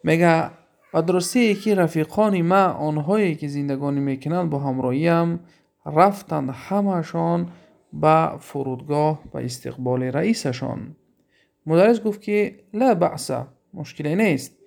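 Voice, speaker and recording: A man with a Tajik accent teaches grammar, his voice gravelly and a bit high. He reads phrases out slowly, then rushes through the explanations and keeps asking his listeners questions. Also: darkish tone. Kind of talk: classroom lesson explaining Arabic text in Persian.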